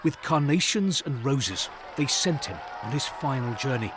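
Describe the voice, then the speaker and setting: A man narrating a scripted news report as a correspondent, solemn and measured, in short phrases. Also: medium pitch, expressive, background noise.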